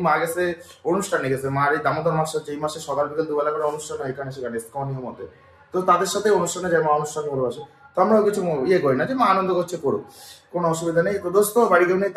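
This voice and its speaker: Young male vlogger, hoarse from a cold, rattles along at breakneck speed in a slightly high voice, chatty to camera. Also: racing, a bit bright. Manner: chatty, keeps talking straight to viewers. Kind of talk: casual daily vlog. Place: at home, indoors.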